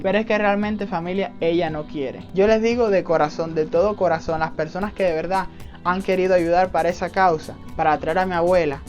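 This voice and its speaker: A man's voice: high-pitched, a little mellow. A young Cuban man with a Cuban accent, casually answering viewer questions in a vlog, earnest and emphatic and often calling his viewers family. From Cuba. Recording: dull lo-fi audio with faint background music.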